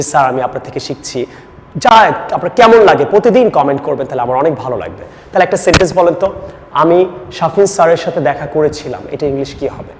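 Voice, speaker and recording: Man, Bangladeshi accent, English teacher, slightly high pitch, long hall reverb. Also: a little mellow, slight background noise. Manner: mixes Bengali with English example sentences, drills slowly. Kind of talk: spoken English lesson for Bengali learners.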